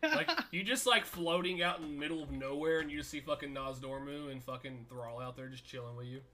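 A man talking like a hyped gamer bro on a casual game stream, animated, exclaiming, slangy and profane. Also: mid-range voice, a little fast, a little hiss or hum. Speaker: game livestreamer and podcaster. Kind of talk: casual gaming stream chat.

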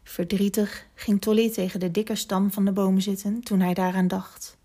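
A woman hosting a children's story podcast, narrating gently and expressively and sometimes dropping to a whisper. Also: medium pitch, flat delivery, moderate pace.

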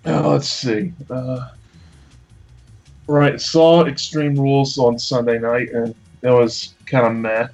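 A man's voice: mid-range voice, flat delivery, slow pace, gravelly, darkish tone, lo-fi sound, faint music behind. Man with a hollow tunnel-like sound. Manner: laid-back, rambling storytelling. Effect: hollow, tunnel-like sound like a speakerphone. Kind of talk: casual chat. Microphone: headset.

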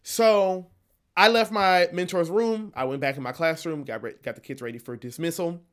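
A man chats casually about his work as a teacher and swears freely. His voice sits a little high for a man. He talks in lively bursts and laughs often as he tells his stories. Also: normal speed. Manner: animated, profane, laughs through his stories. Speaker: teacher and podcast co-host. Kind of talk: casual storytelling chat.

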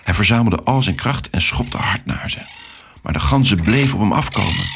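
A man narrating a children's story with an expressive, animated reading. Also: on the low side, normal speed, creaky, noisy background.

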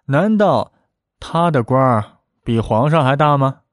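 A stern, calculating imperial minister, voiced by a male storyteller, measured and commanding. The voice stays near an ordinary man's pitch, recorded dry and close. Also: animated, no room sound, natural voice.

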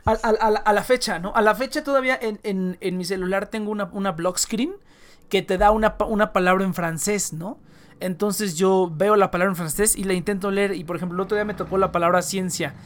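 A man's voice: high-pitched, steady tone, fairly quick. Young mexican guy co-hosting a podcast, slangy, rambly, lots of fillers and restarts. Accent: Mexican Spanish. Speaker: podcast co-host. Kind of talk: casual chat.

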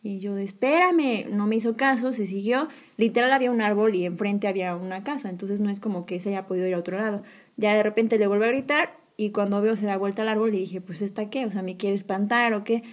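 A woman with a Mexican Spanish accent recounts a personal story in a relaxed conversation. She talks at a middle pitch and acts out her own reactions as she goes, in an animated, chatty way. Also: fast talker. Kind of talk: casual chat, storytelling.

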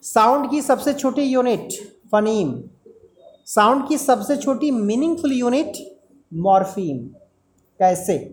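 Woman lecturer, higher voice, patient step-by-step explainer. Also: expressive, slow pace, a little mellow. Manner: explains step by step, repeats key terms, asks rhetorical questions. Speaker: teacher. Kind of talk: classroom lecture.

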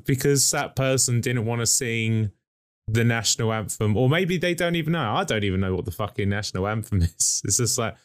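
A man from the UK in casual podcast chat, his pitch sitting in the middle. He tells stories with a joking edge, laughs easily and swears offhandedly. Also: brisk. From United Kingdom.

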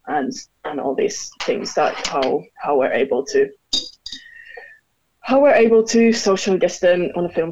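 A woman from Finland chatting as a guest over a video call, laughing often and pausing with fillers. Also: deep voice, a little mellow. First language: Finnish. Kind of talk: casual chat. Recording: dull lo-fi call audio.

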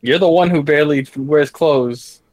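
A man's voice: a little high, moderate pace, darkish tone, no echo. A man playing a tabletop role-playing game, speaking casually in character with hesitant restarts.

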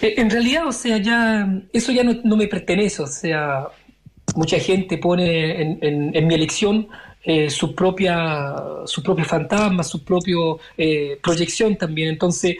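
A man in his forties, born in Chile, answering interview questions as a member of parliament in a measured way, searching for his words. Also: high-pitched. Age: 40s.

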